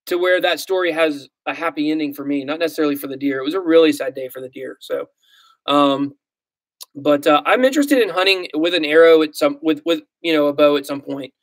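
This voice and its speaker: The livestream host, a man in his thirties with a Southern US accent, has a slightly high voice and no room sound. He chats casually while reading comments, rambling on self-deprecatingly with plenty of ums and likes.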